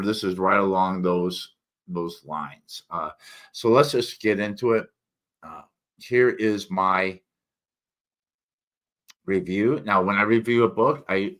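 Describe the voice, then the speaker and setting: Male book reviewer, low voice, slurred tongue-forward diction, informal and somewhat halting delivery. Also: bright, forceful tone. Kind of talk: casual spoken book review, partly read aloud.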